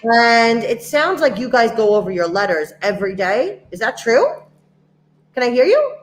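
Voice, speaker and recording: A woman's voice: on the high side, very animated, moderate pace. A woman hosting a school open house, chatting playfully and enthusiastically with viewers and a young student. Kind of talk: upbeat casual chat.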